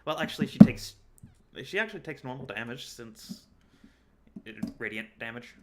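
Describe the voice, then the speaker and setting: A man's voice: mid-range voice, animated, moderate pace, noisy background. A man playing in a tabletop game, explaining rules and chuckling often. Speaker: player. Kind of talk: casual tabletop play.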